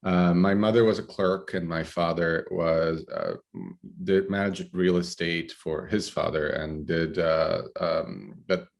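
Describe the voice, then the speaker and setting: Deep-voiced Italian-accented man, halting. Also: steady tone, gravelly. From Italy. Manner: halting, many fillers and restarts. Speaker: guest, climate researcher. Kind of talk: podcast interview.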